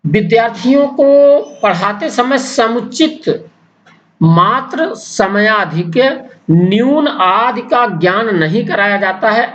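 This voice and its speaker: Slow, deliberate male teacher, lo-fi sound. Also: high-pitched, fairly bright tone. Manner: slow, deliberate, pausing between list items. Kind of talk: exam-prep lecture listing points.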